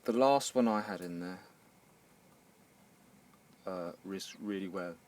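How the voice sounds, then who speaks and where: A man's voice: low voice, takes it slowly, darkish tone. A man with a Northern Irish accent chatting casually and unscripted as he cooks, hesitating and repeating words as he starts phrases. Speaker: home baker demonstrating a recipe. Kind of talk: casual unscripted chat while cooking. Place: inside a camper van. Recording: distant mic with faint background noise.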